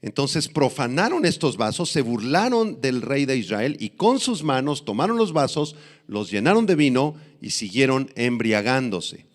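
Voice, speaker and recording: A man's voice: mid-range voice, big pitch swings. Emphatic male pastor repeating key phrases. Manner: emphatic, repeats key phrases, spells out Aramaic words slowly. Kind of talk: expository sermon.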